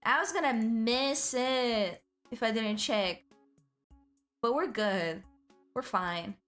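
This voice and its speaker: A woman with a fairly high voice streams in a cute anime streamer manner. She chats casually and rambles through her asides with an excitable streak. Music plays behind her. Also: takes it slowly. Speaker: VTuber livestream host. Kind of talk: casual livestream chat.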